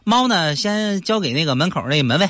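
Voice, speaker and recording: A man's voice: fairly high pitch, expressive, fairly quick, a bit bright, no echo, faint music behind, voice pushed up. A man voicing a fussy husband who chatters on about every detail of the plans. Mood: fussing. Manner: chattering, fussing over plans. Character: fussy husband planning a trip.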